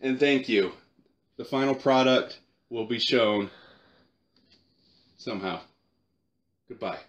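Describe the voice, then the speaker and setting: A man's voice: mid-range voice, takes it slowly. Young guy, dry joking delivery, running a spoof cooking tutorial from his kitchen. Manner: deadpan, mock-instructional. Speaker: home cooking video host. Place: home kitchen.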